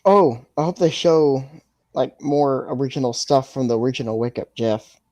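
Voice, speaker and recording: A man co-hosting a casual fan podcast, talking in an excitable, playful, jokey way. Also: medium pitch, moderate pace, no echo. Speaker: podcast co-host.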